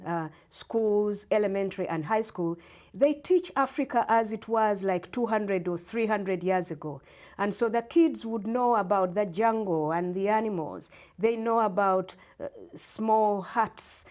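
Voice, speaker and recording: A middle-aged woman from Uganda, a guest professor answering interview questions in a measured, explanatory way. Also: mid-range voice, darkish tone. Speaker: guest storyteller and English professor.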